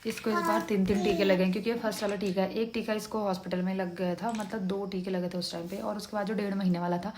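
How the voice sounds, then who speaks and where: A woman's voice: mid-range voice, little pitch movement, quick pace, few pauses, darkish tone, slight background noise. A woman in her twenties from the Uttarakhand hills with a Pahadi Hindi accent, chatting homely and step by step through her family's day in a vlog. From Uttarakhand hills, India. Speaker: family vlogger. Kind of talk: casual daily-life vlog narration. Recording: background music under the voice.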